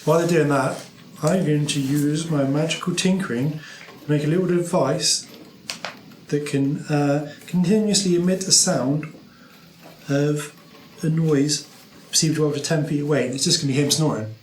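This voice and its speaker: A man's voice: a little high, steady tone, moderate pace, darkish tone. Lighter-voiced male player, echoey room. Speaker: player in a tabletop role-playing game. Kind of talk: casual game chat, explaining moves. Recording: roomy echo, faint background noise.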